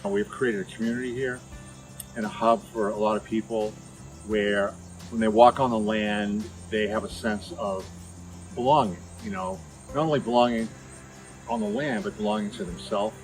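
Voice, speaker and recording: A man's voice: on the low side, normal speed, soft background music, poor audio. A man who farms, speaking reflectively in a documentary interview and often saying "you know.". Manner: reflective, uses many "you know" fillers. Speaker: farmer.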